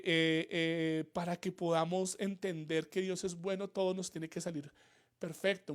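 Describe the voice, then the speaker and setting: Earnest male pastor preaching a sermon. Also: high-pitched. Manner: earnest preaching, repeats key phrases, rises in emphasis. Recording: church livestream.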